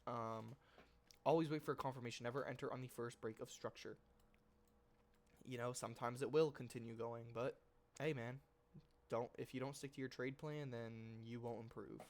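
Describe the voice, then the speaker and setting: Mid-range, steady and moderately paced, this stuffy-nosed man from a trading channel talks through his trades on a casual screen share. His loose, rambling recap is slangy and informal, repeatedly self-corrected, with light swearing.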